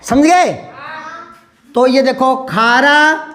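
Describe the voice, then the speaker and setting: Guy teaching a class, real high voice, keeps quizzing the kids. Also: very slow, fairly bright tone. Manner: patient, drills words over and over; calls pupils "beta", asks constant questions. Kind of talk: classroom grammar lesson.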